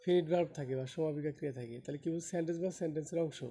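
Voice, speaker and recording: A man's voice: a little high, racing, warm tone, slightly rough. A man teaching English grammar in a classroom, quizzing his students and scolding them when they lose focus.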